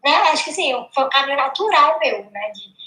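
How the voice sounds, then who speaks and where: A Brazilian woman in her twenties, an interview guest telling stories in a lively, joking way and acting out the voices she quotes. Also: high-pitched, fast talker. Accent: Brazilian Portuguese. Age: 20s. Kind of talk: casual storytelling chat. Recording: roomy echo.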